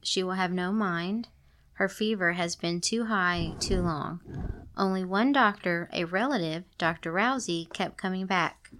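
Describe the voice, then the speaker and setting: A woman's voice: lowish voice, a little slow, fairly bright tone, slight background noise. Woman reading a story with joking asides. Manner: playful, adds sarcastic comments to the text. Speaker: podcast host reading stories aloud.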